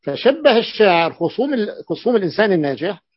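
Guy teaching arabic grammar, kinda high voice, repeats himself a lot, dull dry lo-fi recording. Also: sing-song, husky, dry recording. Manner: explains slowly, repeats key phrases, drawn-out hesitations. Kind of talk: classroom grammar lesson.

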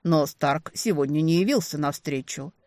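A reader voicing a smooth, menacing man who coos his threats softly. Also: mid-range voice, moderate pace, no room sound, natural voice. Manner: soft cooing, calm threats. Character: smooth menacing male kidnapper, velvety and cooing.

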